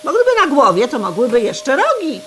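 A woman's voice: high-pitched, huge pitch swings, brisk, a bit bright, a little hiss or hum, full character voice. A woman playing a grumbling, blunt cleaning lady with colloquial speech in an audio drama. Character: grumbling, scolding cleaning lady, married and fed up.

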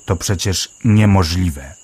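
A plodding, puzzled many-legged bug, voiced by a man in a children's audio story. He mumbles in a low, slow voice. Each line drags along unhurried. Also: darkish tone, breathy edge, dry recording, heavily acted.

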